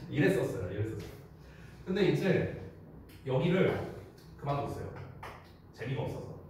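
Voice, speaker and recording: A male teacher is telling a story in the middle of a lesson, and his speaking voice sits a little high. He acts out the people in the story and swings his pitch up and down as he goes. He stands some way from the mic in a very echoey classroom, with faint noise behind him. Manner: lively, acts out quoted voices in a storytelling lecture. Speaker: English teacher. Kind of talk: lecture with storytelling. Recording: roomy echo, from a distance.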